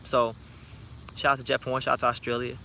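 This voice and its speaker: A man in his twenties hosting a boxing channel, chatting late at night and answering viewer comments in an animated, rambling way with many restarts. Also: medium pitch, brisk, vocal fry, a little hiss or hum. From United States. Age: 20s. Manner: animated, rambling, frequent repeated starts. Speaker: YouTube boxing channel host.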